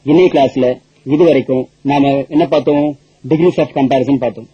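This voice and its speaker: A man's voice: mid-range voice, fairly even intonation, normal speed, warm tone, slightly rough, no echo. A man teaching a spoken English lesson, drilling points with repeated questions and answers. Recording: dull lo-fi audio.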